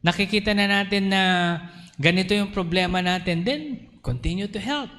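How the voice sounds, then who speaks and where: A Filipino man preaching a sermon as pastor, switching between Tagalog and English, slowing down for scripture and acting out his listeners' voices. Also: high voice, a bit bright. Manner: mixes English into Tagalog, slows for scripture, acts out congregants' voices. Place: church hall. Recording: reverberant hall, faint ambience.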